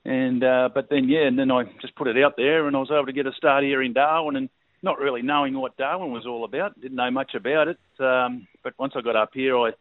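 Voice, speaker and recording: A middle-aged race caller from New South Wales, Australia, tells his story in a casual interview, laid-back and rambling with plenty of fillers. His medium-pitched voice is brisk with fairly even intonation. It comes over a tinny, dry phone line.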